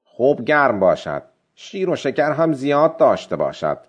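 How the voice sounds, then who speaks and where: A man reading a storybook voicing a young fisher boy who is grieving, tender and soft-spoken. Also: medium pitch, big pitch swings, slightly rough, muffled recording, pitched above the performer's own voice.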